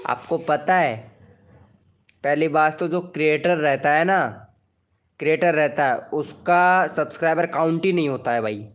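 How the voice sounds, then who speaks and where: Slow-talking man with a smooth voice. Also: fairly high pitch, highs cut off. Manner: chatty, repeats phrases, reads viewer comments aloud. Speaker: live streamer greeting viewers. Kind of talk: casual livestream chat.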